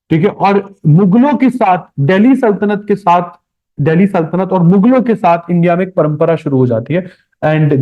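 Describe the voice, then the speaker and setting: Man lecturing on history, lo-fi. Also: a little high. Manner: conversational, addresses students directly, repeats key points. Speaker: history teacher. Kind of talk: classroom lecture. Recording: dull lo-fi recording.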